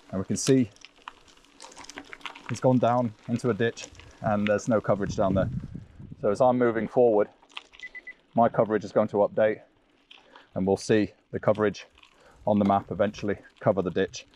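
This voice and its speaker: With long pauses, a man in a lowish, steady, dark voice walks through a live action-camera demo at a moderate pace. He's outdoors on a wooded bike trail, and the audio picks up outdoor noise and clicks.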